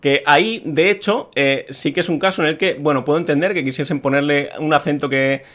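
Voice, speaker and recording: A man's voice: on the high side, brisk, fairly bright tone. A man from Spain with a Peninsular Spanish accent, delivering an opinionated monologue as a video creator, with strong, emphatic criticism.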